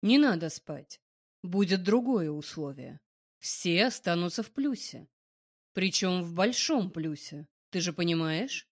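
A woman voicing a calm, self-assured young male boss who speaks in a low, level way in an audiobook. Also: a little slow. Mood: calm persuasive. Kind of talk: audiobook character voice.

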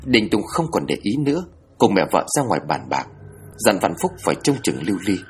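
A man's voice: fairly low pitch, big pitch swings, a little fast, soft background music. A man narrating a horror story in a dramatic storytelling style.

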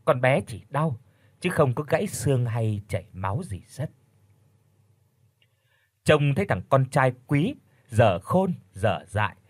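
A man narrating an audiobook story, shifting his pitch for each character's lines. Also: no echo. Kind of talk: storytelling narration with voiced dialogue.

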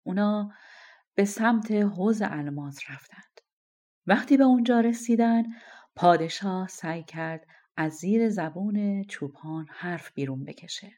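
A woman narrating a fairy-tale audiobook in an expressive storytelling manner. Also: medium pitch.

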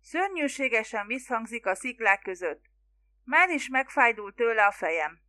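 A woman's voice: on the high side, very animated, bright, forceful tone, dry recording. A woman reading the part of a fretful mother who scolds her grown children. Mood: scolding loudly. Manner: scolding, fussy.

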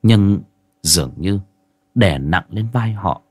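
A man narrating a horror story with dramatic, suspenseful pacing and sharp rises and drops. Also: deep voice, expressive, slow, breathy edge, no echo.

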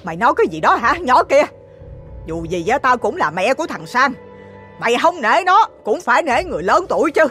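A woman's voice: high-pitched, big pitch swings, moderate pace, fairly bright tone, faint music behind. A woman voicing a stern older mother who scolds with indignation. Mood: furious.

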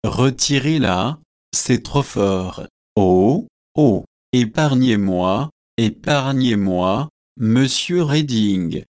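An excitable, fanatical preacher rants in a slow, deliberate storybook reading, as a man reads him aloud. The voice sits at an ordinary middle pitch. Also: no echo, clean studio sound. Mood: panicked.

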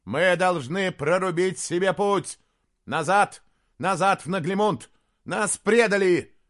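A man reading an audiobook, voicing a male prince who shouts commands for a retreat. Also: high-pitched, slow pace, voice pushed up. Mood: commanding.

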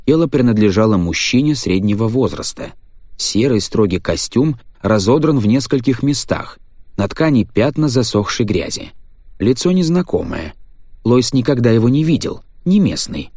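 A man reading a story aloud in a measured, tense narrating voice. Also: lowish voice, a little mellow, no room sound, clean studio sound. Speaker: audiobook narrator. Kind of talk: scripted narration.

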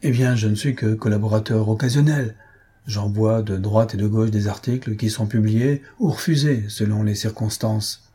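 Brief: male narrator doing a smart, unflappable young student, soft and polite, warm husky tone. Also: lowish voice, moderate pace. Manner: soft-spoken, infinitely polite. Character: polite, clever teenage schoolboy posing as reporter. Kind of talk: audiobook character reading.

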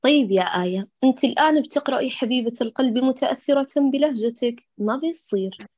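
A woman's voice: sits high, fast, darkish tone, no echo. A woman teaches Quran recitation in an online lesson, fixing each letter and repeating the correct sound for her student. She showers praise and blessings between corrections. The recording is dry and close, with almost no room sound. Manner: patient, correcting and modelling sounds, many blessings.

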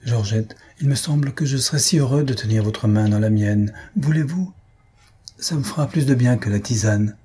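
A man's voice: medium pitch, normal speed, warm tone, husky. A man voicing a feverish young man in love, eagerly pleading with the woman at his bedside. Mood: tender.

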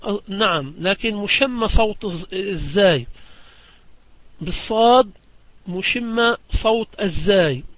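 A man from Palestine teaching a lesson on Quran recitation, explaining patiently and chanting example verses slowly, often asking whether it is clear. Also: high-pitched, lively intonation, no echo, highs cut off. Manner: demonstrates recitations slowly and with emphasis, repeats phrases. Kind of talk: religious lesson on Quranic readings.

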